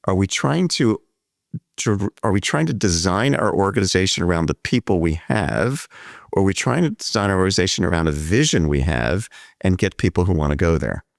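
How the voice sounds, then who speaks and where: A man hosting a podcast conversation, speaking in a measured, reflective way and explaining his ideas at length. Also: low-pitched, lively intonation, creaky, no room sound, studio quality. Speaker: podcast host. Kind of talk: conversational interview.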